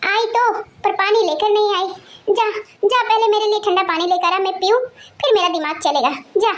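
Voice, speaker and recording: A woman's voice: extremely high pitch, normal speed. Bossy grumbling old grandmother. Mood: scolding. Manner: scolding, complaining, chatty. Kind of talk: cartoon character voice.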